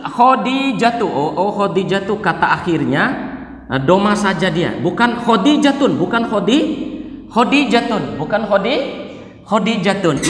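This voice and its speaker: High-voiced man teaching in an echoey room. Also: a bit bright. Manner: repeats example phrases slowly, then translates. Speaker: Arabic teacher. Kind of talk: beginner grammar lesson. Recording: echoey room with long reverb.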